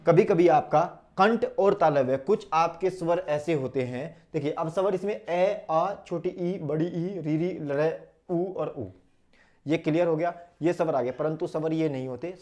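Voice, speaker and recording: A man teaching an online Hindi lesson, demonstrating each vowel sound slowly and aloud, and asking questions he then answers himself. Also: fairly high pitch, darkish tone. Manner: drills sounds aloud, asks and answers his own questions.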